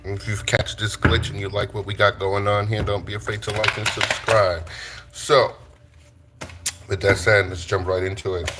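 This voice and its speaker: A man's voice: on the low side, flat delivery, normal speed, music in the background. A man from Brooklyn, chatting playfully with viewers on a live tarot stream, joking and swearing freely. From Brooklyn, New York.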